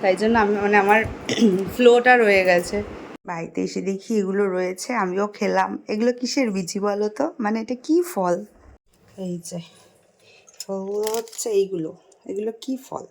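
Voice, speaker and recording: A young woman vlogger talking casually and quickly about her day, chatty and excited. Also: mid-range voice, rough recording. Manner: fast, chatty talker. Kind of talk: casual daily vlog talk.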